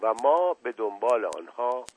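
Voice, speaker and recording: A man narrating a novel as an audiobook, in a steady storytelling manner. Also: medium pitch, heavy background noise. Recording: dull lo-fi recording, dry.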